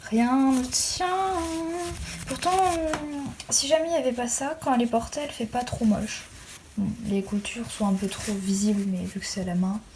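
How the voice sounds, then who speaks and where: A young woman speaks in a mid-range voice. She chats informally in a show-and-tell style, giggly and quick to mock her own work. The home recording carries faint noise and small clicks. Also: mid-range voice, a little mellow, poor audio. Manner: self-deprecating, giggly. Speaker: hobbyist crafter showing handmade doll accessories. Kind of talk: casual chatty show-and-tell.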